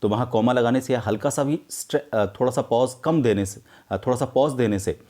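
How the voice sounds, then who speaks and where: A middle-aged man teaching script writing for news, explaining in a measured way with frequent hesitations. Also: medium pitch, mellow. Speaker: media teacher. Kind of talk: explaining script mistakes to camera.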